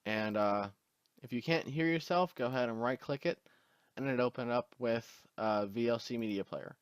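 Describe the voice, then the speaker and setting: A man with hiccups hosting a casual screen-recorded tutorial, walking through the steps in a relaxed way with fillers. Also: mid-range voice, normal speed, clean tone, no echo. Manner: relaxed step-by-step instructions with fillers. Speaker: tutorial host.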